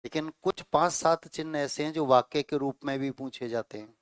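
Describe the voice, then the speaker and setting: A middle-aged man lectures his class on grammar, going over each point twice and pausing to ask if everyone follows. His voice is clear and resonant. The sound is close and dry, with no room echo. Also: fairly high pitch. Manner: explains slowly with repeated phrases and checks like 'theek hai'. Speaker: Hindi grammar teacher.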